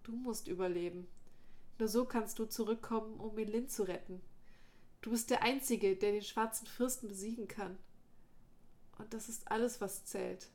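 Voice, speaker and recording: A weak, wounded young mage, as a woman reads him. He speaks softly and calmly, resigned, his voice faint and low in a spoken audiobook. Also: moderate pace, close to an everyday voice. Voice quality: weak, soft voice. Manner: quiet, calm and resigned. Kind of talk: audiobook dialogue.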